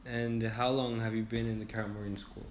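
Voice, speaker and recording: A man conducts an interview, asking short probing questions and offering words to help his guest along. His voice is mid-pitched, and the room around him rings noticeably. A faint background hiss sits under the talk. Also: flat delivery, brisk. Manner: probing, rephrases and prompts answers. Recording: echoey room.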